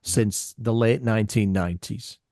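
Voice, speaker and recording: Animated man telling stories on a podcast. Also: lowish voice, normal speed, no room sound, clean studio sound. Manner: animated, acts out other people's voices. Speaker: podcast guest. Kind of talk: casual storytelling chat.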